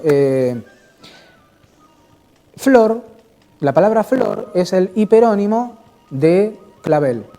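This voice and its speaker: A high-voiced man hosts an informal cultural talk, swinging his pitch widely as he explains. His tone stays mellow and warm, and he slips into a playful mock-announcer manner between hesitant fillers. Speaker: host. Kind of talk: informal cultural talk answering viewer questions.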